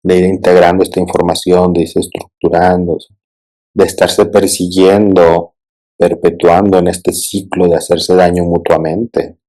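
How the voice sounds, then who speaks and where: Deep-voiced man analyzing a film. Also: level tone, unhurried, dark tone, low-quality recording. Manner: thoughtful, often asks listeners "¿no?" and "¿sí?". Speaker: therapist discussing a film. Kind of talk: reflective film analysis talk.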